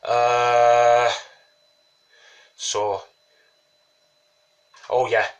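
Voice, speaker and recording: A man speaks in a flat, medium-pitched voice and stretches out his words. He has a cold and sniffles now and then while casually walking through a home brewing recipe at his kitchen table, rambling along and saying "you know what I mean."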